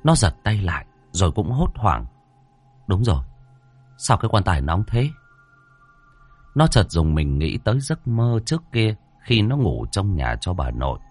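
A man narrating a ghost story in an expressive storytelling manner. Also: deep voice, normal speed, slightly rough, faint music behind.

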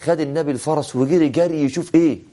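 A man preaches with an Egyptian Arabic accent, his voice sitting high and moving quickly. He tells stories dramatically, slipping between formal and everyday speech and hammering key phrases through repetition. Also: steady tone, dark tone. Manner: dramatic, shifts between classical and colloquial, emphatic repetition. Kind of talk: sermon storytelling.

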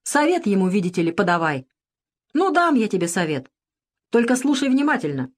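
A woman voicing a gruff older male former political officer who grumbles and lectures, in a storybook reading. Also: mid-range voice, very animated, fairly quick. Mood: grumbling.

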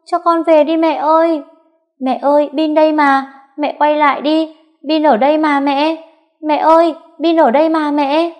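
A woman's voice: mid-range voice, normal speed, mellow, pitched above the performer's own voice, lightly acted. A woman voicing a small boy who cries and begs for his mother in a spoken story. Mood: wailing. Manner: pleading, wailing.

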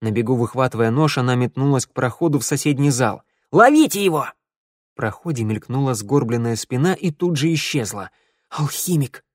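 A man narrating an audiobook in a steady, even storytelling manner. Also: mid-range voice, a little fast, few pauses, no room sound, studio quality. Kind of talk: scripted narration.

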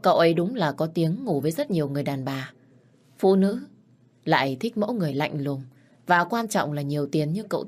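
A frank older housemaid gives plain, blunt advice, as a woman narrating a storybook voices her. Her voice is low and matter-of-fact. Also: darkish tone.

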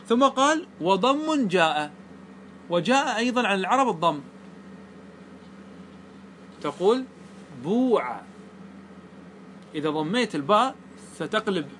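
A man's voice: a little high, a bit bright, a little hiss or hum. Patient Arabic grammar teacher, man. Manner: patient, repeats points and checks understanding. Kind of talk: explaining a grammar poem line by line.

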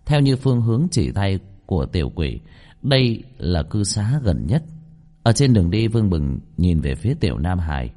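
Low, mellow male narrator. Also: sing-song, normal speed. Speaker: audiobook narrator. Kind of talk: scripted narration. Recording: long reverb.

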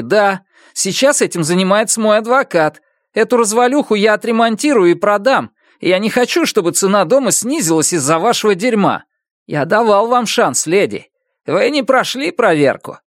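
A narrator voicing a spiteful, bullying male neighbor with a shrill, sneering manner in an audiobook. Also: expressive, moderate pace, no room sound, clean studio sound. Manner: sneering, bullying, rising to a shriek.

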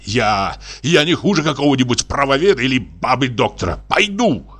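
A man voicing a drunk, quick-tempered investigator in his sixties, blustering and shouting in a raised voice. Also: mid-range voice, big pitch swings, pitched above the performer's own voice. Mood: indignant. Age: 60s.

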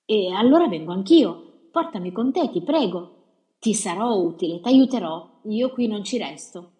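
A woman's voice: mid-range voice, animated, moderate pace, dark tone, voice pushed up, lightly acted. A woman reading an audiobook voices a grief-stricken young woman who begs and cries out. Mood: pleading. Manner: pleading, crying out. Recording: roomy echo.

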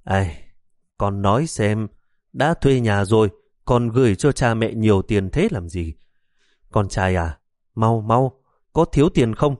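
A man's voice: on the low side, animated, unhurried, long pauses, darkish tone, no room sound, studio quality. A man voicing a fussy, worried old mother who nags and scolds her grown son. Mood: nagging. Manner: scolding, fretful.

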